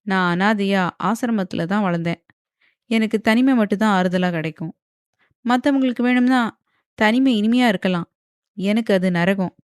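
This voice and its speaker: A kind middle-aged mother-in-law from a romance audiobook, speaking softly and affectionately, voiced by a woman narrator. The recording is close and dry. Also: mid-range voice, moderate pace, long pauses, clear, resonant tone, no room sound, close to an everyday voice. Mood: tender. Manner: soft, affectionate, consoling. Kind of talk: audiobook character voice.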